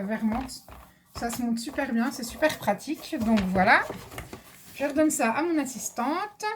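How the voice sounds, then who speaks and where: High-voiced chatty woman showing craft buys. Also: a little hiss or hum. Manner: chatty, hesitant with many fillers, addresses viewers and an assistant. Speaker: craft vlogger. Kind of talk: casual haul video chat.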